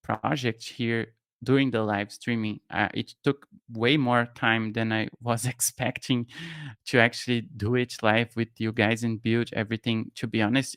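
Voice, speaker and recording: A young Brazilian man with a Brazilian Portuguese accent casually walks through a no-code tutorial on a live stream, thinking aloud with lots of fillers and restarts. His mid-range voice is fairly bright and smooth, picked up with studio quality and no echo by a boom-arm studio mic in a home studio room with shelves, where he wears headphones.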